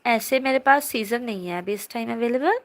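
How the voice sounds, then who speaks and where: A woman's voice: on the high side, normal speed. A young woman teacher holding a live online class from her phone, reading students' chat comments aloud and answering them in a chatty, teasing way.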